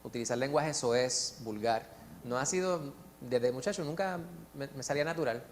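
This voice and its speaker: A man with a Puerto Rican accent leading a church Bible study, lively and joking, asking the group questions. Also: mid-range voice, moderate pace. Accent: Puerto Rican Spanish. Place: church meeting room. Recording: faint hum in a long-reverb hall.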